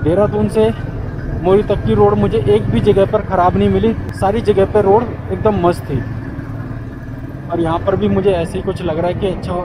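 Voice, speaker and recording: A man's voice: high voice, moderate pace. Man vlogging from a motorcycle. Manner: excited, chatty, talking to viewers. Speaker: motovlogger. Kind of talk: casual narration while riding. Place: outdoors on a motorcycle on a mountain road. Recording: wind and engine noise. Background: motorcycle engine and traffic.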